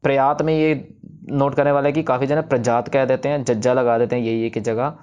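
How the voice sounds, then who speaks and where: A man's voice: mid-range voice, fairly even intonation, a little mellow, muffled recording. Patient man teaching recitation. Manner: patient, methodical, demonstrates words slowly. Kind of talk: explaining pronunciation of scripture.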